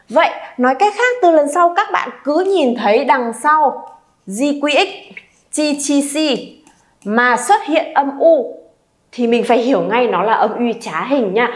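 A Vietnamese woman teaching a language class, leading students through pronunciation drills and encouraging them to repeat aloud. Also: high-pitched. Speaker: Chinese teacher.

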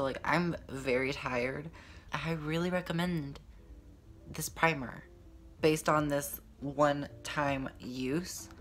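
A medium-pitched, slightly bright voice comes from a twentysomething beauty vlogger reviewing makeup in a casual chat to camera. They have a sassy, slangy drag queen manner, and the small indoor filming room has background music playing.

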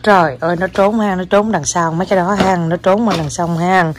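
A woman's voice: lowish voice, steady tone, brisk. Playful Quảng Nam mother, coaxing. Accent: Quảng Nam Vietnamese. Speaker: mother playing with her child. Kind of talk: casual family chat. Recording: noisy home recording with clicks.

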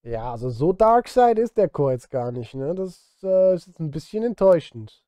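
This middle-aged man streams music and composes for film, and here he chats casually on a live stream while thinking aloud and grumbling at himself. His slightly high, mellow voice swings widely in pitch at a moderate pace. He's recorded indoors at his home studio on a close studio mic, with no echo.

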